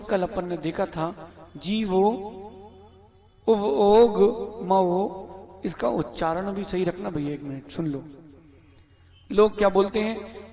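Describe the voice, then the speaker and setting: Monk teaching scripture in a temple, high voice, unhurried, calls on students and fixes their pronunciation. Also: male voice, darkish tone. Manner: instructive, quizzes listeners by name and corrects their pronunciation. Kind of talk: scripture class sermon. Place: temple hall.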